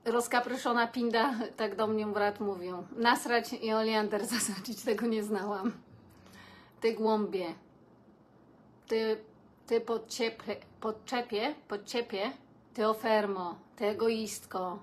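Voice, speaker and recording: A woman with a slightly high voice hosts a casual live stream, speaking slowly and steadily straight to her viewers. She reads their comments aloud, calls them "kochani" warmly, and reacts chattily with laughter and sighs. Faint background noise sits under her voice.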